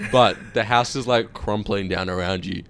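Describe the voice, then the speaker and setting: A man's voice: fairly low pitch, fairly even intonation, normal speed, a bit bright, slight background noise. A man in his early twenties co-hosting a podcast, chatting casually and teasing his co-host in a playful way. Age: early 20s. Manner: teasing, playfully acts out quoted voices. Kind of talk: casual chat.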